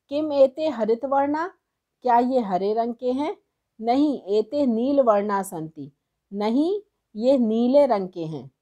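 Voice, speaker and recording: Woman, teacher, slow and deliberate, fairly high voice, sounds out syllables one at a time. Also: dark tone. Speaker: Sanskrit teacher. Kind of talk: textbook lesson, reading and translating.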